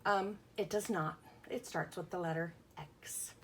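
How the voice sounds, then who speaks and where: Over a noisy background, a woman speaks at a measured pace in a fairly low, fairly even voice. She reads aloud to young children and explains things simply, asking questions and emphatically sounding out letters and words as part of a picture-book lesson.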